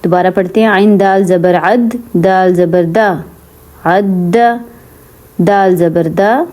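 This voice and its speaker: Casting: woman Quran reading teacher with a Pakistani Urdu accent, mellow and warm, patient and repetitive. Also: fairly low pitch, fairly even intonation. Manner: patient, repetitive, drawn-out spelling of syllables. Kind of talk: slow syllable-by-syllable lesson with quick explanations.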